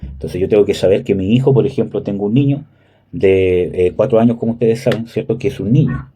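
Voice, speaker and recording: Guy in his 30s preaching, dark husky voice, keeps asking "right?" to the room. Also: on the low side, fairly quick. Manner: conversational, frequent "¿cierto?" and "¿me entiende?" checks; hesitant fillers, "¿cómo se llama?". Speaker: pastor. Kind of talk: sermon.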